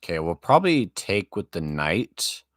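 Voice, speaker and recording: A man's voice: deep voice, sing-song, normal speed, fairly bright tone, no echo, clean studio sound. A young man commentating his own online chess games, swinging between panic and self-hype with self-deprecating jokes. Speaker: chess streamer.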